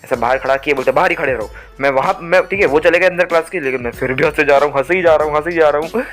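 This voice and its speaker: A man's voice: on the high side, racing, faint music behind. A young man from India casually telling a school story, rambling with restarts and acting out his teachers. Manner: rambling, animated, restarts often, acts out teachers. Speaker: storytime vlogger.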